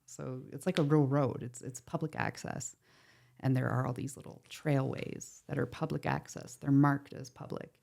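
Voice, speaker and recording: This podcast guest from Ontario, Canada, has a rumbling low voice with vocal fry, a steady, darkish tone and a moderate pace. Recorded on a podcast mic, she talks with earnest passion about protecting water, adding wry asides.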